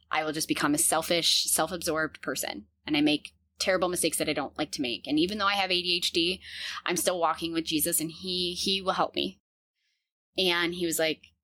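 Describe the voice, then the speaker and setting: A woman in her thirties hosts her own podcast and tells her story candidly and earnestly, laughing now and then. Her voice sits a little low for a woman. The recording is close and dry, with no room sound. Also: pushed and bright, dry recording. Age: 30s. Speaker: podcast host. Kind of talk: personal storytelling monologue.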